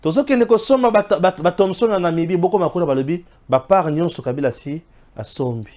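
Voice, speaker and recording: A man from Congo giving impassioned political commentary, preachy and emphatic, swinging between loud exclamations and low asides. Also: a little fast. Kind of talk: impassioned political talk mixing French and Lingala.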